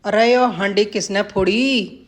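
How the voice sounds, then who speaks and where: A woman voicing an eager but clumsy foreign man who speaks in earnest, halting phrases. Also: medium pitch, lightly acted.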